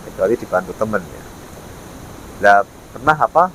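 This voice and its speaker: A ghost-hunting vlogger talks casually to camera at normal speed, his lowish, fairly bright voice carrying lively intonation. He explains things, repeats himself and uses many tag words. The audio is poor, with faint ambient and vehicle noise.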